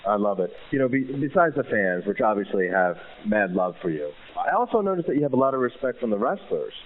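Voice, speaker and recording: A man's voice: on the low side, big pitch swings, brisk. A man asking questions as an interviewer in a conversational style. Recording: muffled, narrow phone-like radio sound.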